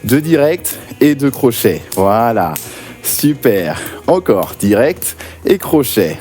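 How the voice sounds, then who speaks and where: A man leading a guided workout class, giving energetic, encouraging cues and counts. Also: mid-range voice, slow, faint music behind. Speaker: fitness coach.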